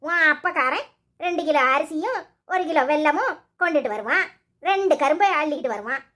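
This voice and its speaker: In a cartoon, a woman plays a nagging, sharp-tongued old mother-in-law, scolding quickly and sarcastically in Tirunelveli Tamil. Her voice is high and expressive.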